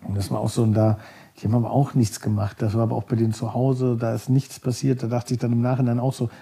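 Mann mit dunkler, belegter Stimme. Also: male voice, medium pitch, level tone, fast, vocal fry, warm tone, husky. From Germany. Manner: rambling, searches for words, many fillers. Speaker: podcast guest, photographer. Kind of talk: casual storytelling.

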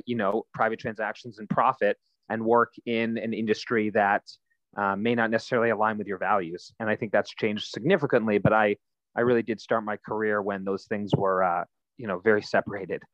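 A man in his thirties talks through his background at an unhurried, conversational pace. He fills pauses with easy fillers as he tells his story. His voice comes through a dry, somewhat dull recording. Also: on the low side, dry recording. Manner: relaxed storytelling, frequent fillers. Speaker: guest, nonprofit founder. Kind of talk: conversational interview answers.

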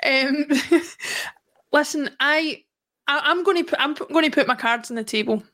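A woman co-hosting a football podcast, talking in a casual, measured way. Her voice sits a little high for a woman. She weighs up players one by one, listing names steadily. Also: bright, forceful tone. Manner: measured, runs through lists of players. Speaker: podcast co-host.

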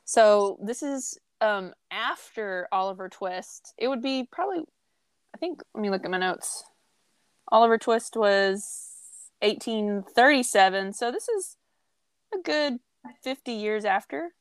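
A woman co-hosting a casual book chat podcast, chatty and excitable, often trailing off mid-sentence. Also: mid-range voice, a little slow, clean tone, no room sound. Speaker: podcast co-host.

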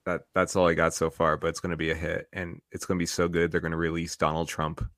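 Very deep-voiced man, deadpan. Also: quick pace, dry recording, studio quality. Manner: deadpan ironic trolling. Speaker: podcast co-host. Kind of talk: casual chat.

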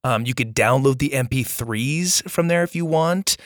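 This man, a dad of young kids who hosts and tells stories on a children's podcast, talks to his young audience with casual enthusiasm, his voice still strained as he recovers from nearly losing it. It is mid-range and fairly bright at a moderate pace, recorded in studio quality without echo.

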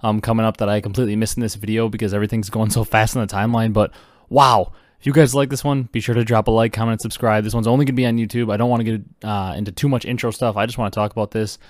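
A young man hosting a podcast, talking fast and excitedly with lots of fillers while he reacts to breaking esports news. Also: fairly low pitch, dry recording, clean studio sound. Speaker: podcast host. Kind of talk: casual esports news commentary.

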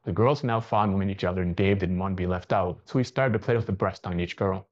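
Guy with a low voice reading a story out, kinda dull lo-fi recording. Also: quick pace. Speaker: narrator.

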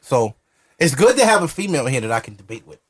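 A Brooklyn, New York podcast host drinks alcohol while recording in a studio, chatting loosely and profanely, brash, provocative, and quick to laugh. His medium-pitched voice swings widely in pitch, and he talks fast with a slightly rough edge.

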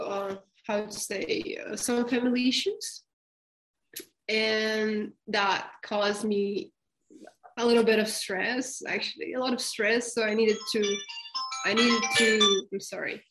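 Slow-talking woman, hesitant. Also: mid-range voice, low-quality recording. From Bulgaria. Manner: hesitant, many fillers and restarts, laughs often. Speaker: guest. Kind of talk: casual interview chat.

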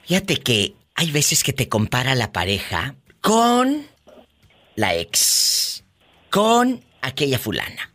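A woman's voice: rumbling low, very animated, slow pace, a bit bright. A woman hosting a call-in radio show, playful and dramatic, full of catchphrases. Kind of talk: lively call-in radio chat.

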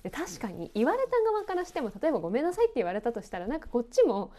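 A woman announcer hosting her own podcast, chatting in a relaxed way, laughing often and poking fun at herself. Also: sits high, very fast. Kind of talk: relaxed solo podcast chat.

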